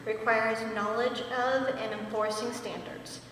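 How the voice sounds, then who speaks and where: A woman master sergeant addresses her cadets at a ceremony, earnest with dry humor. Her voice sits a touch high and rings through a large echoing hall. The mic is some distance away. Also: steady tone, measured pace, fairly bright tone, slight background noise. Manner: earnest, wry, emotional at times. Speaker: master sergeant giving a promotion speech. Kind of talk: ceremony speech. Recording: echoey hall, mic far off.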